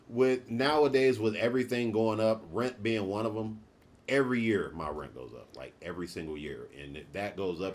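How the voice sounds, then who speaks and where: A man with a very low, deep voice talks loosely on his podcast. He rambles through his thoughts, cursing casually, in an easygoing back-and-forth chat. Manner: laid-back, rambling, swears freely. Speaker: podcast host.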